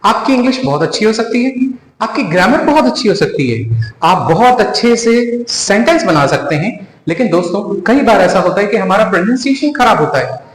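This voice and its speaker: A man's voice: sits high, expressive, moderate pace. A man with an Indian accent explains step by step, like a teacher in a lesson, calling his viewers friends. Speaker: English teacher. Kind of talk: classroom-style lesson. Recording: echoey room with long reverb, faint music.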